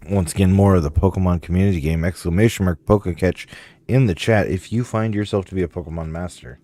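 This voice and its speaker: A man's voice: sits low, fast, dark tone, no echo. A young man streaming a game, rambling casually and apologetically to his chat.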